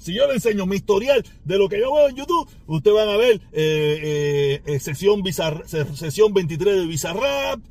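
A man's voice: high-pitched, lively intonation, normal speed, hardly any pauses, darkish tone. A man with a Cuban Spanish accent, ranting at a rival on his podcast in a taunting, sarcastic way with mocking laughs. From Cuba. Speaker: podcast host.

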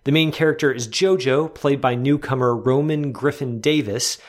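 A man hosting a film podcast, reading a measured, articulate review with the odd restart. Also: mid-range voice. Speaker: podcast host.

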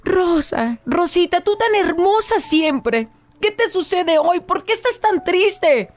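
A woman voicing a worried, gentle king. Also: very high voice, lively intonation, unhurried, voice pushed up, heavily acted. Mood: concerned. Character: kind, worried king speaking to his plants.

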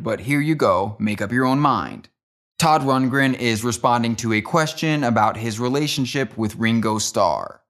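A man reads a scripted music history narration. His pitch sits in the middle range, and he drops in dry, wry asides at an even, steady delivery.

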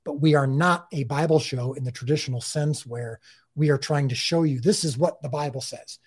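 A man with a husky, slightly high voice talks earnestly as an interview guest. He often restarts and repeats words mid-thought. His tone is casual but careful. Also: moderate pace. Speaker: creator of a faith-based TV series, interview guest.

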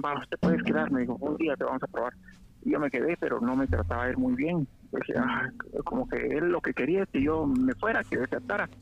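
A man's voice: on the high side, creaky, slight background noise. Fields: Sex: man. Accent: Guatemalan Spanish. Role: radio co-host. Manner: reflective storyteller in casual chat. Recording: dull lo-fi radio.

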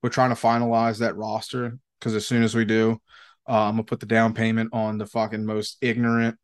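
A man's voice: on the low side, completely flat delivery, a little fast, smooth. A man co-hosting a podcast in casual chat, rambling and slangy, with plenty of swearing. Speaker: podcast co-host.

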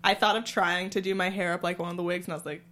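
Chatty woman, low voice, casual host. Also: level tone, racing, pushed and bright. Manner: chatty, laughs often. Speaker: podcast host. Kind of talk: casual chat.

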